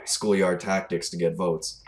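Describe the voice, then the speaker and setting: Deep-voiced and level, this 17-year-old Albertan gaming commentator speaks at a measured pace with a Canadian accent. His off-the-cuff commentary is a blunt, fed-up rant laced with swearing, captured in a clearly noisy home recording.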